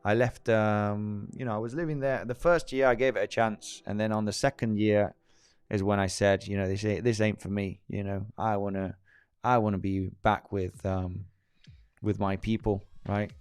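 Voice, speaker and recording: A Spanish man, a native speaker from Spain, hosts a trading livestream in a casual chat, rambling, often restarting sentences and reading viewer comments aloud. His low, smooth voice has fairly even intonation and a darkish tone at normal speed, in a dry recording.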